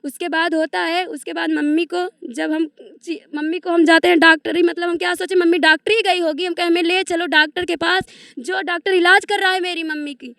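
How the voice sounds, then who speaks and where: Very high, tense grieving woman. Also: fairly even intonation, brisk, gravelly, fairly bright tone, dry recording, clean studio sound. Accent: eastern Uttar Pradesh. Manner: grief-stricken, agitated, pleading. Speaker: victim's daughter, interviewee. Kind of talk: emotional testimony to a reporter.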